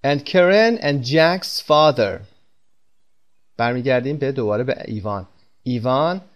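Persian-speaking guy teaching english, super slow example sentences, quick explaining in between. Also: mid-range voice, muffled recording. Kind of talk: recorded language lesson.

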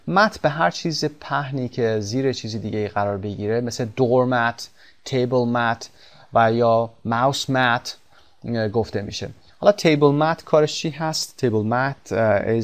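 A man with a Persian accent teaching English vocabulary, explaining patiently and repeating words slowly for pronunciation. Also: medium pitch. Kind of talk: vocabulary lesson.

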